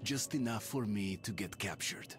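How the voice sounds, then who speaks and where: A man's voice: lowish voice, moderate pace, close to an everyday voice. An actor playing a brooding soldier, narrating his journal for a video game in a grave, reflective way. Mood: somber. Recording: music behind narration.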